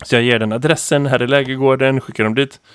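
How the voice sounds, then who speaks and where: A man in his thirties, a teacher co-hosting a podcast, who tells stories in a lively, rambling way full of fillers. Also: mid-range voice, clear, resonant tone, no room sound, clean studio sound. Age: 30s. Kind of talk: casual podcast chat.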